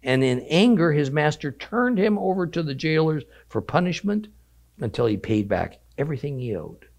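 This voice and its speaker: A man teaching a weekly Bible lesson, reading scripture aloud and slowing down to stress key phrases. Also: fairly high pitch, sing-song, a little mellow.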